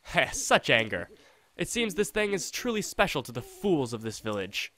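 A man's voice: fairly high pitch, very animated, bright, forceful tone. A man reading the lines of a sneering male cult assassin in a video game, cold and menacing. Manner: contemptuous, slow and threatening. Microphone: desktop USB condenser mic.

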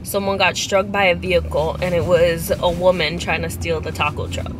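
Picked up by a dashboard camera in a parked car at night, a young woman guest chats casually with a lowish voice, flat delivery and moderate pace. She tells stories in a rambling way peppered with plenty of "like," and car noise runs behind her.

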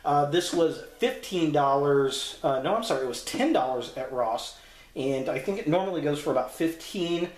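A man hosting a casual toy review video, talking in a relaxed, rambling way with lots of fillers. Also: on the high side, moderate pace. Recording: echoey room.

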